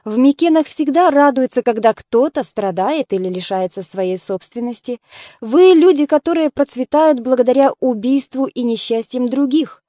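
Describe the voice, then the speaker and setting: A woman reading the lines of a calm, commanding young male hero in an audiobook. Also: sits high, normal speed, no echo, clean studio sound. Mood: firm.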